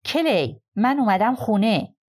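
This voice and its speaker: A woman reading an audiobook, voicing a hostile, violent husband who shouts threats. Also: mid-range voice, sing-song, lightly acted. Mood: threatening.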